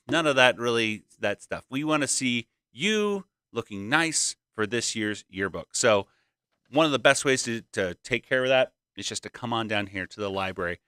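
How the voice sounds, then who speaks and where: Man, school announcer, bright and crisp, dry close sound, playful upbeat delivery. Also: lowish voice, dry recording. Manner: upbeat, playful, reading notes aloud. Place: school library.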